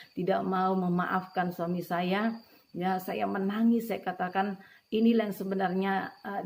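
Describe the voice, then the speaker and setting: A woman's voice: medium pitch, creaky, a little mellow. Woman giving an emotional church testimony. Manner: emotional retelling with frequent "ya" and "puji Tuhan"; addresses listeners as beloved brothers and sisters. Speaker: testimony speaker.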